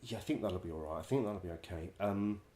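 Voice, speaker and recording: A man, a musical director and vocal coach, telling wry stories in a chatty way, laughing often and filling pauses with ums. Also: lowish voice, dark tone, roomy sound, slight background noise. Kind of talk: casual anecdote-telling.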